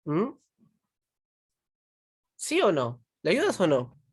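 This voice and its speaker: Low-voiced woman teaching. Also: huge pitch swings, takes it slowly, slightly rough, dry recording, studio quality. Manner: constantly checks in with students, asks rhetorical questions and pushes them to answer. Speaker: philosophy teacher. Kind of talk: online pre-university class.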